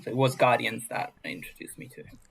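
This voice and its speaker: A man co-hosting a laid-back movie podcast in a husky, gravelly voice. He speaks hesitantly, starting and restarting his sentences. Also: medium pitch, little pitch movement, a bit bright, rough recording. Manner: hesitant, halting phrasing. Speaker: podcast co-host. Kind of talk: casual film podcast chat.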